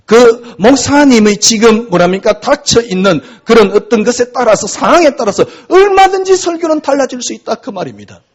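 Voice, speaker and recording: A man's voice: very high-pitched, expressive, a little fast, hardly any pauses. A man preaching a sermon as pastor, talking conversationally and asking rhetorical questions.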